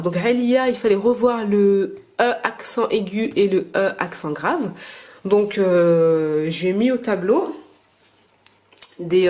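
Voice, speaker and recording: A woman's voice: mid-range voice, darkish tone. A mother filming at home, teaching her children and explaining her lessons in a casual, hesitant way. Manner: hesitant, fills pauses with "euh"; patient, encouraging with the children.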